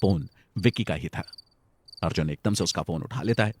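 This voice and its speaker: Low-voiced man telling a spooky story. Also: fairly quick, a little hiss or hum. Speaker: narrator. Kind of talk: scripted storytelling. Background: faint music and crickets.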